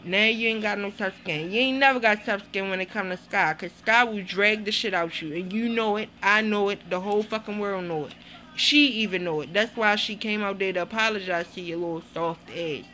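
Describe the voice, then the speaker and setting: Woman, casual vlog reviewer, bright tense voice, blunt and animated, salty language. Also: mid-range voice, a little fast, a little hiss or hum. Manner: blunt, animated, heavy cursing. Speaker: TV show reviewer. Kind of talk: casual profane vlog commentary.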